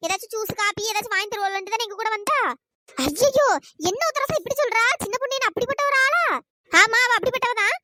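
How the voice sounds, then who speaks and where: A woman's voice: extremely high pitch, fast talker, pushed and bright, slight background noise. A woman voicing a sly, meddling village woman who stirs up quarrels in a cartoon. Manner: scolding, sly and gossipy. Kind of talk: cartoon voice acting.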